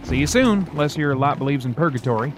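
A flippant, wisecracking adventurer played by a man in an audio drama. His delivery is animated and mock-heroic, with music playing behind. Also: fairly high pitch, fast, natural voice. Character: wisecracking, irreverent Baptist soldier of fortune.

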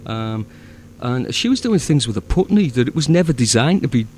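A man from the north of England who produces fan audio dramas chats casually in a mid-range, slightly mellow voice, a little fast and with big pitch swings. He rambles with plenty of fillers, restarts and easy laughter in his Northern English accent, and there's a little hiss or hum.

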